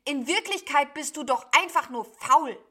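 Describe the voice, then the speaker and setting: A woman voicing a loud, cheeky, grumbling sheep who scolds and shouts. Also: high-pitched, expressive, normal speed, pitched above the performer's own voice. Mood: shouting scold.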